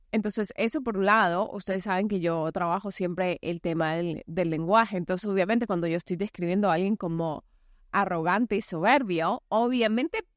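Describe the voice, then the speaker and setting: A woman in her forties hosts her own podcast in a loose, chatty way, full of fillers and little restarts. She sometimes slips into the voices of the people she quotes. Her voice sits at a middle pitch and sounds dry and close to the mic. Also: no room sound. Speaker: podcast host and anger coach. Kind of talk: casual solo podcast monologue.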